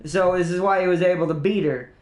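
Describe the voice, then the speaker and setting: A man's voice: sits high, steady tone, fast talker, a little mellow. A young man hosting a casual livestream, rambling chattily about movies with restarts and laughs. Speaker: livestream host. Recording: roomy echo.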